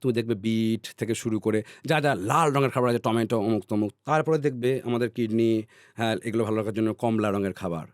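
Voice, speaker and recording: A man on a podcast explaining ideas at length in a teacherly way, often checking in with his listener and trailing off softly on repeated words. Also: lowish voice, a little fast, no echo, clean studio sound. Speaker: podcast guest.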